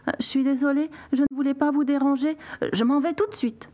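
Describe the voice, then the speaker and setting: A woman's voice: medium pitch, measured pace, darkish tone, lightly acted. Woman doing a timid little dung beetle. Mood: apologetic. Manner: timid, apologetic. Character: small humble female dung beetle, meek.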